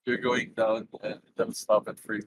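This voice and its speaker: A man's voice: fairly low pitch, little pitch movement, moderate pace, a crowd in the background, poor audio. A man from the Philippines, a podcast guest eagerly chiming in during casual chat.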